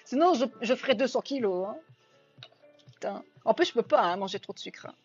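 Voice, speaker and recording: A woman's voice: on the high side, lively intonation, brisk. A woman from Belgium with a Belgian French accent chatting on a live stream, reading viewer comments aloud and answering them. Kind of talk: casual live-stream chat. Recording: dull lo-fi sound with faint music.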